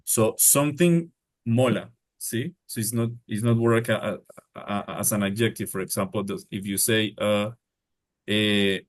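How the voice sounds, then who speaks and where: A man from Spain co-teaches a live online Spanish lesson with a low voice. He talks quickly and chattily. He switches back and forth between English and Spanish.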